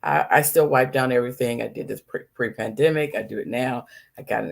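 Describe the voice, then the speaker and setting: Gravelly woman doc chatting thru travel meds, lots of ums. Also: very deep voice, brisk. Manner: chatty, listing tips with many ums and asides. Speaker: physician host. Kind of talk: casual health advice talk.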